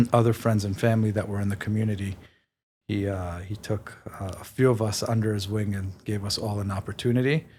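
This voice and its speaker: Low flat guy, real estate exec guest on a podcast, lots of ums, a bit of hiss behind. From born in Israel, raised in New York. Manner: hesitant, many fillers and restarts, modest. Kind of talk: podcast interview.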